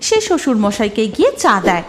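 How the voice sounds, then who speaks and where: A woman tells a cartoon folktale in a high, lilting voice that rises and falls with the story. Her narration is scripted and expressive, with music playing softly behind her. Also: fast, slight background noise. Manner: expressive, sing-song storytelling.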